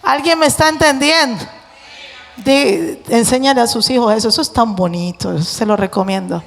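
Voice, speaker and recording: Animated woman preaching. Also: on the high side, normal speed, gravelly. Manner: animated, acts out voices, jokes with the congregation. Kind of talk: lively sermon. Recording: long hall reverb.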